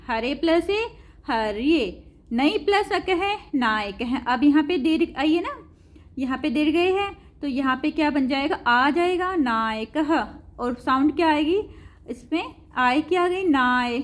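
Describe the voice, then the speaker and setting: A woman teaching a grammar lesson to school pupils, patiently repeating each example and addressing the pupils as children. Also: sits high.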